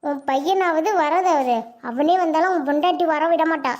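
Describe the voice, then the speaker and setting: Whiny high-pitched cartoon daughter, a woman voicing her. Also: normal speed, close to an everyday voice. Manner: whiny, egging on. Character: young woman, the mother's complaining daughter.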